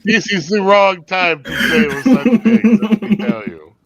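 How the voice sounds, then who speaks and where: A man's voice: sits high, very animated, measured pace, a crowd in the background. A man player in a tabletop game, playful, declaring his character's actions. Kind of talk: casual play at a game table.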